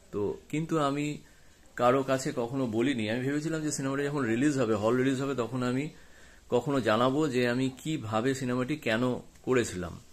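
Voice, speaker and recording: Bengali man explaining, pausing often. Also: mid-range voice. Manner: unscripted, with frequent pauses and fillers. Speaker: film director. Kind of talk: direct-to-camera explanation.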